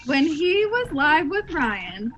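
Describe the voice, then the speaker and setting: A woman's voice: high voice, very animated, slow, a loud crowd, low-quality recording. A woman guest in a casual chat on a video call, explaining herself between laughs.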